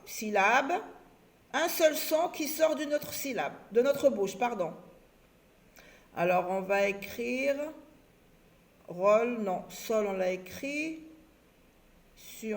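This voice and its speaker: A woman teacher giving a recorded lesson to young children, slowly spelling out letters and syllables and repeating herself for them. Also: a little high. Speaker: primary school teacher.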